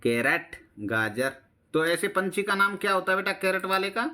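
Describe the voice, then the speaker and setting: A man's voice: high-pitched, expressive, normal speed, pushed and bright. A man teaching a children's English lesson with an Indian accent, patiently repeating each phrase in Hindi. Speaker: primary school English teacher. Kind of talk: bilingual classroom-style lesson explaining a textbook.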